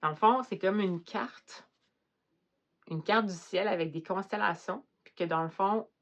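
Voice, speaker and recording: A woman's voice: mid-range voice, unhurried. A young woman with a Québécois French accent, chatting casually about books with many fillers and restarts. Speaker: book vlogger. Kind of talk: casual chat.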